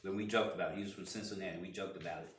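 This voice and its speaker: Rambling, low-voiced man in his sixties. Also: steady tone, rapid-fire, a bit bright, a little hiss or hum. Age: 60s. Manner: rambling, with many restarts and fillers. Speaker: interviewee, parishioner. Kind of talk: casual interview storytelling. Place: church room. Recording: echoey room, far from mic.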